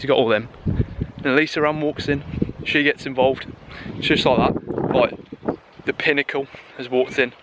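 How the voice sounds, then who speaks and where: A man's voice: mid-range voice, a little hiss or hum. A man with a British English accent, a vlogger and personal trainer, talking casually and bluntly to his viewers with plenty of swearing and jokes, partly from a gym. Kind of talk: casual vlog chat. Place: gym, indoors.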